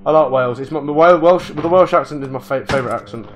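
Swearing gamer, slightly high voice. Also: male voice, fast, soft background music. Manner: muttering to himself, swearing often, excitable. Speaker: let's play gamer. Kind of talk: live gameplay commentary.

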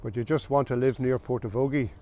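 An older man from the south of Ireland, a farmer recalling his family's history in a plain, unhurried way with small pauses. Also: mid-range voice, fairly even intonation, mellow. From south of Ireland, County Meath. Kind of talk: oral history recollection.

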